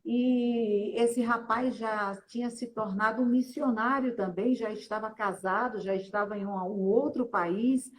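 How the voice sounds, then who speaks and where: Woman speaker, higher voice, earnest testimony storytelling, faint hiss behind. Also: fairly even intonation, a little slow, few pauses, rough recording. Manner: earnest, often ends phrases with a questioning tag.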